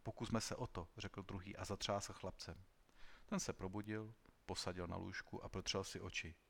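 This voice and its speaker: A man reading a story aloud in a measured, serious voice. His voice sits on the lower side, steady and unhurried. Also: vocal fry. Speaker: audiobook narrator. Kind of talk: scripted literary narration.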